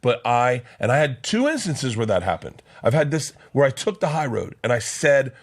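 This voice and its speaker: A man in his fifties telling a story in a casual podcast chat, fast, profane and worked up, acting out the people in it. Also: medium pitch, very animated. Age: 50s. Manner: fast, profane, worked-up retelling with quoted voices.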